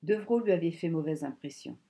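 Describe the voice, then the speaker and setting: Woman narrator, audiobook, measured reading, mellow dark tone. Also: low voice, animated.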